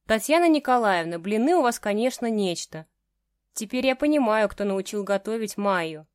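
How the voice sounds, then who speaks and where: A woman's voice: medium pitch, expressive, normal speed, darkish tone, no echo, clean studio sound, natural voice. A woman voicing a stern commanding man. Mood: flattering. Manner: curt commanding tone. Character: stern domineering young man, commanding fiancé.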